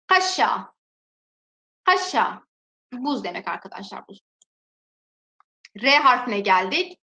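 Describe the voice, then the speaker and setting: A high, bright woman's voice, teaching a language lesson in a slow and careful way. She drills each example word twice and stretches the sounds. The recording has a noticeable room echo. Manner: slow, drawn-out pronunciation drills. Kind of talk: alphabet lesson with repeated example words. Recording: echoey room.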